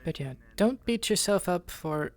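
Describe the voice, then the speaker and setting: A man talking casually in character during an online roleplay, halting and repeating words as he restarts. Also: sits high, lively intonation.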